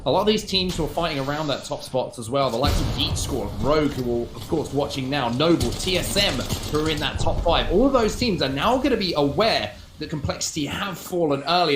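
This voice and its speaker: Fast-talking male esports caster, slightly high. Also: sing-song, echoey room, music in the background. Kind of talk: live esports commentary.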